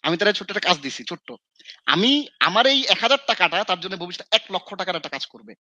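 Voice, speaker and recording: This Islamic scholar from Bangladesh mentors students informally, dramatizing his reprimands and mixing English words into his speech. He speaks quickly in a high, sharp voice with lively intonation, and the recording has no room sound.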